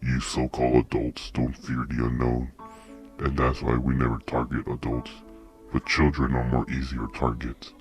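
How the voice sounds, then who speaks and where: A man voicing an ancient, menacing demon creature with a deep, demonic, distant-sounding voice and slow, threatening delivery. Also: little pitch movement, faint music behind.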